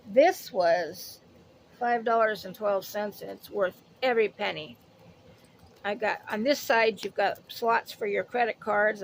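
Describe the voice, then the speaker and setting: In this haul vlog, a woman in her late fifties chats casually about her shopping finds, rambling and cutting herself off along the way. Her voice sits on the high side, with a little background noise.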